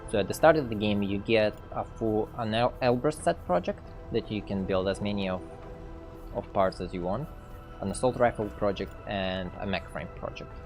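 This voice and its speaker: Male dev host, low voice, casual stream commentary, hesitant and chatty, quiet music behind. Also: normal speed. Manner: thinking aloud, hesitant with fillers, reads game text. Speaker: game developer streaming gameplay. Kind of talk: casual livestream gameplay commentary.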